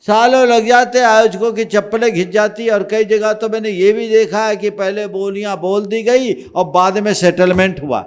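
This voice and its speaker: A man giving a sermon as a monk, scolding with rhetorical questions and swinging between loud stress and quiet asides. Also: high-pitched, flat delivery, moderate pace, hardly any pauses. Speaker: Jain monk giving a discourse.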